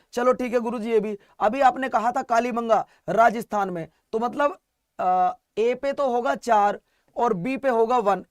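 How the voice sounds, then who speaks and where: High-voiced man teaching exam prep. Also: dry recording, clean studio sound. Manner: asks questions and answers them himself, repeating key facts; addresses students as friends and kids.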